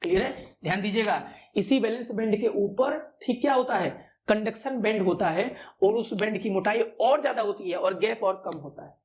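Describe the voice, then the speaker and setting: A man teaching a physics lesson, asking quick questions and answering them himself, repeating key terms and adding chatty asides. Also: high voice. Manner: chatty asides, calls students "brother". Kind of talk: classroom-style lecture.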